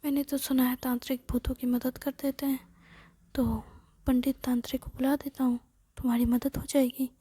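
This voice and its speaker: A fretful young man muttering to himself, as a woman puts him on in a whispered role-play. His voice is a breathy, fairly flat whisper, dark and soft. The delivery stays steady. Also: sits high, moderate pace. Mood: puzzled. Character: nervous young man talking to a ghost.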